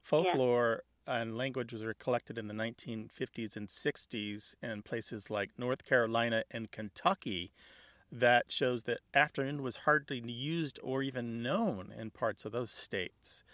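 A man's voice: medium pitch, a little slow, a bit bright, dry recording, clean studio sound. A man in his fifties co-hosting a radio show about language, chatty and knowledgeable, laughing easily. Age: 50s.

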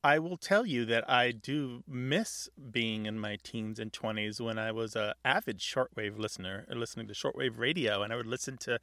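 A man in his fifties with a gravelly, fry-laced voice co-hosts a radio show about words. He talks in a chatty, knowledgeable way and laughs easily. The sound is close and dry, with no room behind it. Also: medium pitch, normal speed, few pauses, bright, forceful tone, dry recording. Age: 50s. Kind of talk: relaxed radio conversation about language.

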